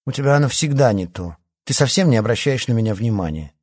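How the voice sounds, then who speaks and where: A man voicing a vain, pushy teenage girl in an audiobook, speaking high and loud. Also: sing-song, normal speed, breathy edge, dry recording, studio quality. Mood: demanding. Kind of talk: audiobook character voice.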